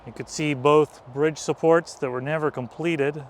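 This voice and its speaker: A man hosting an on-location vlog, explaining things casually as a guide outdoors on a trail, with a steady drone of traffic. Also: a little high, a little slow. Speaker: vlog host and explorer guide.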